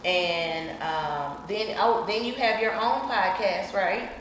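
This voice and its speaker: A woman's voice: medium pitch, takes it slowly, a bit bright. A woman hosting a podcast, asking questions in a casual interview and affirming often. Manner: encouraging, asks questions with frequent affirmations. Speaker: podcast host. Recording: echoey room, faint noise.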